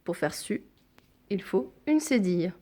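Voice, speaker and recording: A woman teaching a phonics lesson to young children, speaking deliberately and repeating each sound and example word. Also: medium pitch, lively intonation, dark tone.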